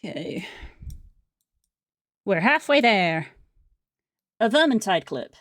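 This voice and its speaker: A woman's voice: mid-range voice, big pitch swings, takes it slowly, dry recording, studio quality. A woman streamer thinking aloud in a loose, casual way as she sorts and edits clips. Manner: muttering and thinking aloud to herself. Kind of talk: casual commentary while editing clips.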